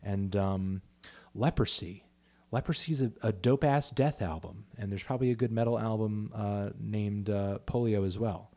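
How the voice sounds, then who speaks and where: A man's voice: lowish voice, normal speed, warm tone. A man in his thirties hosting a casual livestream Q&A about music, talking loosely with lots of fillers, restarts and swearing. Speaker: music critic host answering viewer questions.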